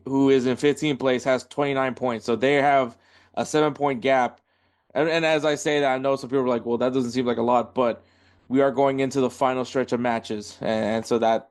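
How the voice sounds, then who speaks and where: A man hosting a casual football podcast, rambling and correcting himself as he reads through league standings. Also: mid-range voice. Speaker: podcast host.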